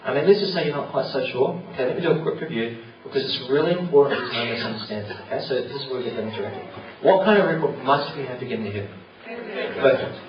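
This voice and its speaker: In a church hall, a fast-talking man with a medium-pitched voice gives an earnest, conversational evangelistic talk peppered with "you know." The recording is roomy, distant, and dull, with crowd noise behind him.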